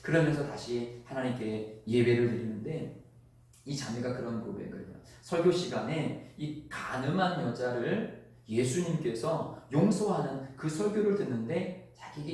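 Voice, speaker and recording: A man's voice: medium pitch, a little mellow. A male pastor giving a sermon, earnestly acting out the quoted lines of the people in his story. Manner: earnest preaching that acts out quoted dialogue. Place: church sanctuary. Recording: echoey church hall, mic at a distance.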